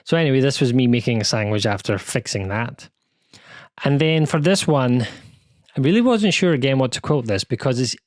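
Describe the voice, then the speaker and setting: A man's voice: mid-range voice, no room sound, clean studio sound. A man from the UK with a British accent, chatting casually and self-deprecatingly as host of a quilting channel. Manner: chatty and self-deprecating, with many asides and restarts. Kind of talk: casual chat. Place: home sewing room.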